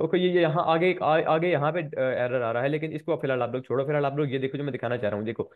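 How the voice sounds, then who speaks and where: A man with a slightly sore throat teaching a programming lecture, walking students through code step by step and repeating key points. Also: a little high. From Pakistan. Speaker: programming instructor. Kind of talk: screen-recorded coding lecture. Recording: tinny phone-like recording.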